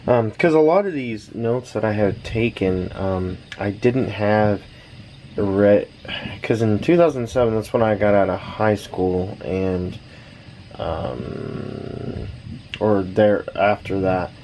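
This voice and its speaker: In a small, noisy backyard shed, an American vlogger in his thirties rambles casually about his radio hobby, pausing as he thinks aloud. He has a warm, low voice, and distant fireworks can be heard popping.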